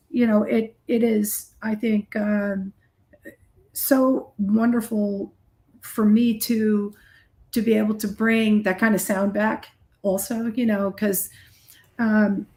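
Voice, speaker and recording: This middle-aged woman, a heavy metal musician, speaks at a medium pitch with a mellow quality over poor audio. She's being interviewed, chatting casually and telling stories in a blunt, self-deprecating manner.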